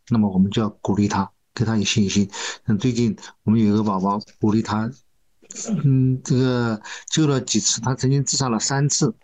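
A man's voice: lowish voice, darkish tone. Man volunteer repeating his points. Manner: repeats key phrases for emphasis. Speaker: rescue volunteer guest. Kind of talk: podcast interview.

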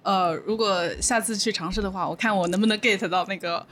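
A woman's voice: medium pitch, fairly even intonation, a little fast, a bit bright, a little hiss or hum. A woman in a casual podcast chat who thinks aloud and hesitates as she talks. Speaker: podcast guest.

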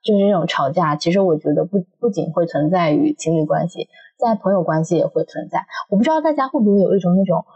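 Fast-talking husky woman. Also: on the low side, dull audio. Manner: animated storytelling, laughs often. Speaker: podcast co-host. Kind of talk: casual chat.

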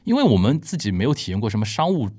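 A man hosting a casual interview, inquisitive and animated, often repeating answers back as he asks questions. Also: medium pitch, rapid-fire, husky. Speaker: interview host.

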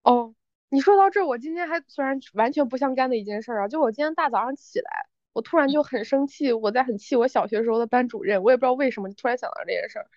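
A woman co-host rattles through a casual podcast chat at a quick clip, her voice sitting a little high. She tells stories with animation and acts out the people she quotes. The recording is dry and a bit dull, like a lo-fi home setup. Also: a little mellow, no echo.

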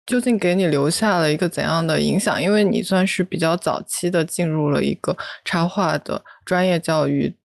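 A woman hosts the podcast, her voice very low with a gravelly fry. She asks her guest questions in a measured, thoughtful way. The recording is close and dry. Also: no room sound. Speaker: podcast host. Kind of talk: interview question.

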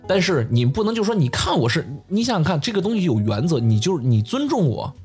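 A young man on a podcast, telling a story in an animated, excitable way. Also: fairly high pitch, fast talker, soft background music. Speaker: podcast co-host. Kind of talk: casual storytelling chat.

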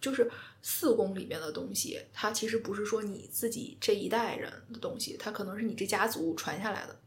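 A woman, a podcast co-host and astrology counselor, talking calmly and explaining steadily. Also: medium pitch, fairly quick. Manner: calm, explanatory, steady storytelling. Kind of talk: casual podcast chat.

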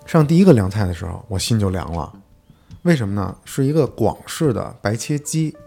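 A man, co-hosting a podcast and telling a story in lively casual chat, acting out an argument. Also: lowish voice, brisk, creaky, husky, soft background music. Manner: animated storytelling, acting out an argument with restaurant staff. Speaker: podcast co-host.

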